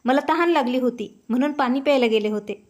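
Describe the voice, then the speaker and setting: A woman voicing a humble, heartbroken elderly mother who speaks softly. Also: high-pitched, fast, lightly acted. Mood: pleading. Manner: soft, gentle speech.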